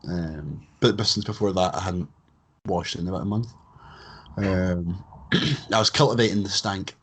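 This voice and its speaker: A man's voice: low voice, a little slow, fairly bright tone, slightly rough. A young man hosting a casual podcast chat, joking and swearing freely. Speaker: podcast host.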